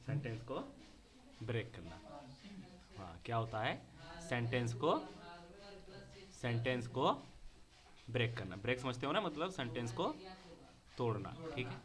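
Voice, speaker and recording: A man's voice: medium pitch, a bit bright. A man teaching a grammar lesson to a class. He speaks, repeats key words and keeps asking whether the students understand.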